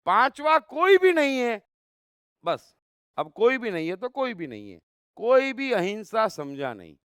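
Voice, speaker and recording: Slow, lively-pitched man giving a spiritual discourse. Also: smooth, no echo, clean studio sound. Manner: emphatic, with rhetorical questions and repetition. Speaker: spiritual speaker.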